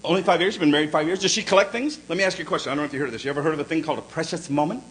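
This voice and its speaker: An older man doing a stand-up comedy routine on a club stage, telling gruff stories and putting on squeaky voices for the people in them. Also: racing, fairly bright tone. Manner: gruff storytelling, puts on high squeaky voices for kids and wife.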